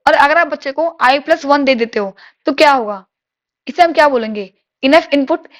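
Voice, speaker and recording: A woman teaching an exam-prep lesson, reading English questions slowly and explaining them in Hindi, asking the class questions. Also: high voice, animated.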